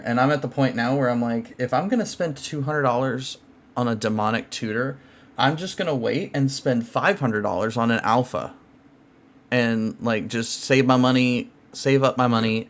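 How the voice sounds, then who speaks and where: A man hosting a podcast, chatting casually and rambling with lots of fillers and restarts. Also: mid-range voice. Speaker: podcast host. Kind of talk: casual chat about card games.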